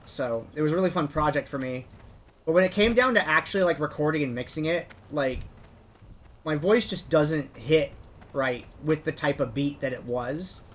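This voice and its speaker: Kind of high-voiced and fairly bright, this guy rambles through a story while gaming, saying "like" constantly at a moderate pace. He narrates his own playthrough in casual commentary and describes his voice as higher than a deep bass beat.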